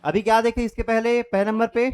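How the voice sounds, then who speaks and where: A man's voice: extremely high pitch, flat delivery, brisk, a little mellow, smooth. A young man teaching an online Hindi grammar lesson, explaining step by step and demonstrating vowel sounds aloud. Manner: explains step by step with repeated checks.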